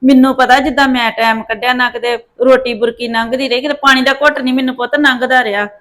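A woman's voice: sits high, steady tone, fast, fairly bright tone. A woman playing a fretful, pleading mother-in-law. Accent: Punjabi. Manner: pleading, worried, calls others "putt".

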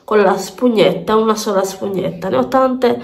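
A woman's voice: mid-range voice, moderate pace, creaky. A woman with a pinched, blocked-nose voice from a head cold, chatting casually and repeating herself in a makeup vlog. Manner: rambling, repeats words and phrases. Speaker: beauty vlogger. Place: bathroom at home.

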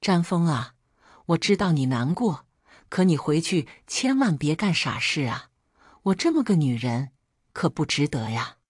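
A woman's voice: deep voice, very animated, a little slow, husky, no echo, clean studio sound, exaggerated voice. A woman voicing a heartbroken older mother who laments through tears. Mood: pleading. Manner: lamenting, tearful.

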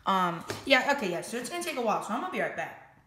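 A woman unboxing toy figures, chatty and excitable, often bursting into yells and squeals. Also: mid-range voice, very fast. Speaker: toy collector vlogger. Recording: roomy echo, faint background noise.

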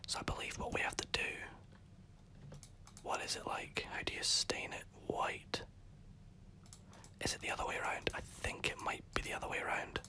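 A host delivers soft, whispered, conversational game commentary at a moderate pace with long pauses. He corrects himself as he goes, and his failing voice is interrupted now and then by coughing.

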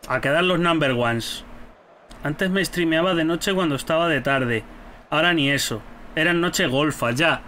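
A man giving casual, animated commentary while he plays a game and teases his friends. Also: fairly high pitch, unhurried, a little hiss or hum. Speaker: gaming YouTuber.

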